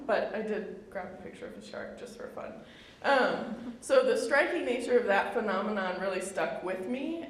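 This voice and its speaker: A woman in her thirties with a Midwestern accent, giving a casual public artist talk, chatty and self-deprecating with many fillers. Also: mid-range voice. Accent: Midwestern American. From Indiana. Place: indoor event room. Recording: echoey room, faint noise.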